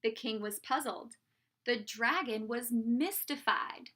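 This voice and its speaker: High and bright in tone, a woman teacher reads a picture book to kids at a slow, expressive storytelling pace. Along the way she asks them questions.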